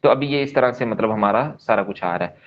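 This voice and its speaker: Speaking briskly with lively intonation, a man with a fairly low voice teaches coding over screen share, going step by step and often asking "theek hai?" to check on his listeners. The audio sounds dull.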